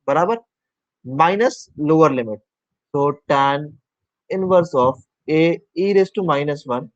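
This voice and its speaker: Male maths tutor, slightly high voice, dull dry recording, walks students through steps and quizzes them. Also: no echo. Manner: talks through steps aloud, asks students questions; mixes English maths terms into Hindi. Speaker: maths teacher. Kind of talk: live online maths class.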